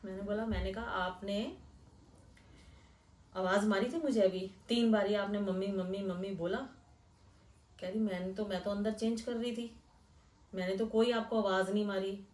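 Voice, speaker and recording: A middle-aged woman from Delhi recounts a frightening experience from her own life. She speaks in a hushed, earnest way at a medium pitch. The room rings around her, and she sits a little back from the microphone. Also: steady tone, normal speed, pauses often, far from the mic. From Delhi, India. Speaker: storyteller. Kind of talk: first-person recounting of a real incident. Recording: echoey room, voice a bit off-mic.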